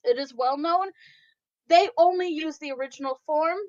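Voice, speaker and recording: High-voiced woman GM over voice chat. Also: moderate pace, darkish tone, no room sound, muffled recording. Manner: explains rules with frequent restarts and fillers. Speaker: game master. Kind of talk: running a tabletop game over voice chat.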